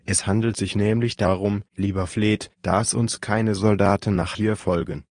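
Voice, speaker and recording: A decisive male adventurer who gives orders calmly, read by a man. The voice is very low and dry, and the tone is firm and measured. It sounds like an audiobook part. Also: dry recording. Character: calm, decisive male adventurer leading the search. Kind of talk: audiobook reading.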